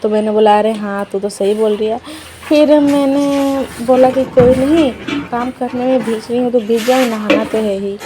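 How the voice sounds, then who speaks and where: A woman's voice: medium pitch, fairly even intonation, fairly quick, hardly any pauses, rough recording. A young woman telling her day in a chatty vlog voice-over, talking to viewers as friends. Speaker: vlogger. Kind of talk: casual vlog voice-over narration. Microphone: voice-over dubbed at home.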